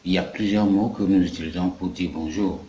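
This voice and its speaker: Deep-voiced man teaching English, echoey. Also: steady tone, a little fast, dark tone, a little hiss or hum. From Africa. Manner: patient, repeats key phrases. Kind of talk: bilingual language lesson.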